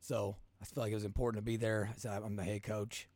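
A man with a Kentucky accent and a hoarse smoker's rasp, hosting a casual podcast in a folksy, rambling, colloquial way. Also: fairly low pitch, little pitch movement, quick pace, a little mellow, dry recording. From Kentucky, United States. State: hoarse from coaching. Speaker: podcast host.

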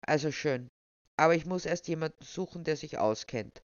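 A stubborn, self-righteous attendant, put on by the storyteller in a shrill falsetto, scolding a trapped man. The recording is dull and lo-fi, with a dry, close sound. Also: normal speed, no room sound, lightly acted. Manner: speaks in full falsetto, scolding. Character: stubborn indignant male official guarding a whale.

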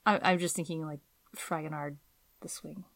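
A woman artist being interviewed in a relaxed chat, pausing to think with fillers and laughing easily. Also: low voice, creaky, dry recording. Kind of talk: casual conversational interview.

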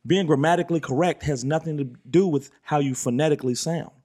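A man's voice: on the high side, fast, darkish tone, breathy edge. A man co-hosting a podcast, arguing insistently in a heated casual debate and explaining with examples. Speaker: podcast co-host.

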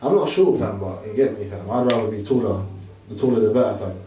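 A man's voice: lowish voice, quick pace, warm tone. A young man with a London roadman accent, chatting casually in laid-back slang with short agreeing replies. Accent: London roadman, multicultural London English. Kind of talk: casual chat. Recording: roomy echo, distant from mic.

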